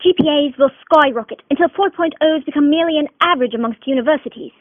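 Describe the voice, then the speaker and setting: A woman's voice: high voice, fast talker, no echo. A woman narrating a student mock documentary in a dramatic announcer tone. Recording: dry, tinny phone-like voice-over.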